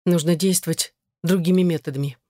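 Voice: mid-range voice, steady tone, a little fast, dark tone, dry recording, lightly acted. A reader voicing a desperate young mother in an audiobook, close and dry. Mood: distraught. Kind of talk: audiobook character reading.

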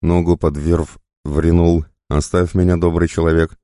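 Man playing a wily male rogue for an audiobook, higher and teasing, fake-cheerful, very dry close sound. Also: flat delivery, moderate pace, warm tone, no room sound, natural voice. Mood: jaunty teasing.

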